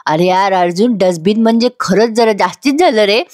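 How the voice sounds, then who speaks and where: A woman's voice: mid-range voice, fairly quick, a little mellow, dry recording, studio quality, natural voice. A woman voicing a young man who is an exasperated friend and scolds firmly.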